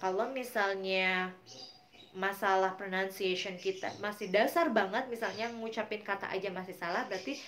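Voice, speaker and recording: An Indonesian-accented woman teaching an online English class, patiently repeating example words. Her voice sits at a middle pitch, with a faint hiss of noise behind her. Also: steady tone, normal speed, fairly bright tone.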